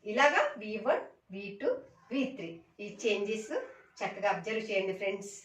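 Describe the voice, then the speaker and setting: A woman teaching a slow, repetitive vocabulary lesson, reciting each word and its meaning twice and speaking to viewers as friends. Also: mid-range voice, animated, roomy sound, far from the mic, poor audio. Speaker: English teacher.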